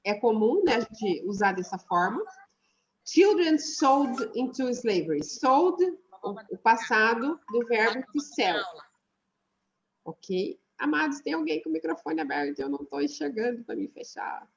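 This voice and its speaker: A woman teaching an English class online, explaining song lyrics and slowly repeating words to show their pronunciation. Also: on the high side, very animated, dull audio.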